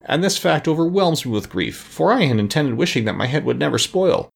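A man's voice: mid-range voice, animated, quick pace, vocal fry, breathy edge, pitched above the performer's own voice. A man voicing a gloomy, anxious pumpkin-headed figure who wails mournfully, in a storybook reading. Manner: wailing, mournful.

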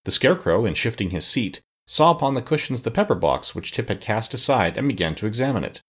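A man reads a storybook aloud with a lowish, husky voice. His intonation moves freely, rising and falling a great deal. The pacing is measured and expressive. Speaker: narrator. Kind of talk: storybook narration.

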